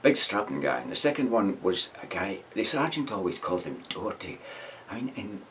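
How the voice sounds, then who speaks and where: A man's voice: fairly low pitch, sing-song, a little fast, a bit bright, a little hiss or hum. Older man, wry rambling memories. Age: 80s. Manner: wry, chuckling, rambling anecdotes. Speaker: veteran recounting memories. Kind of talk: casual spoken reminiscence.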